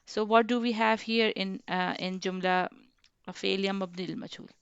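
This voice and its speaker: Woman teacher on a video call, smooth voice, dull dry audio, patient questions. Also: mid-range voice, fairly even intonation, normal speed, dry recording. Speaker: Arabic grammar teacher. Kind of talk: online class, quizzing students. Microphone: computer mic on a video call.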